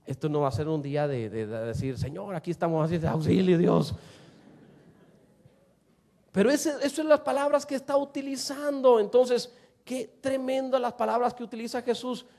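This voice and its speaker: A man preaching a sermon to a congregation, asking them rhetorical questions and swinging between loud and soft. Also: very high-pitched, animated, fairly quick. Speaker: pastor.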